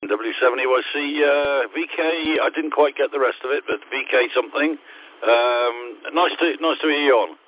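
A man's voice: mid-range voice, moderate pace, no room sound. A man answering a radio call over a ham radio link, talking casually with plenty of hesitant fillers. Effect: heard over a ham radio link. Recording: narrow tinny radio transmission.

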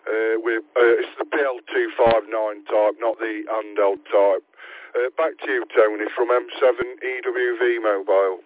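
Relaxed male ham radio operator calling mobile, tinny radio line. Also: lowish voice, normal speed, dry recording. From English Midlands. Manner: relaxed, chatty, often restarting phrases. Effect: heard over a ham radio link. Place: parked van.

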